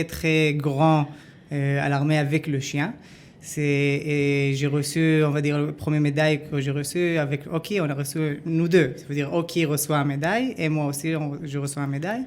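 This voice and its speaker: A man's voice: a little high, steady tone. A man from Israel with a foreign, Israeli accent in French, telling his story as an interview guest and searching for words. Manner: halting, searches for words in non-fluent French. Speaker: interview guest, former army dog handler.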